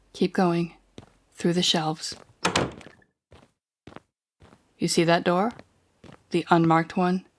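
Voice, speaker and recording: In an audio roleplay, a woman plays a smug, controlling telepathic villain who taunts the listener in a deliberate, condescending way. Her voice is fairly low, with a little hiss or hum in the recording.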